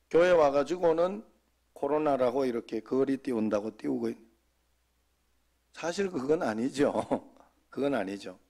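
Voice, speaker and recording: A man's voice: fairly high pitch, a little mellow. A middle-aged male pastor giving a sermon in a folksy, conversational way, often slipping in quoted asides.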